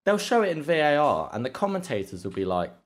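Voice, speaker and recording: A young man chatting casually as a podcast co-host, swearing often and rambling through animated retellings. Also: a little high, fast. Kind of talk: casual chat.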